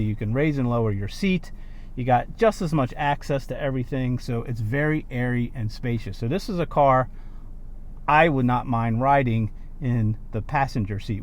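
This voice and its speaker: A man's voice: medium pitch, a little hiss or hum. A man giving a casual, off-the-cuff car review in a conversational, opinionated way, repeating words for emphasis, recorded on binaural microphones in and around a car.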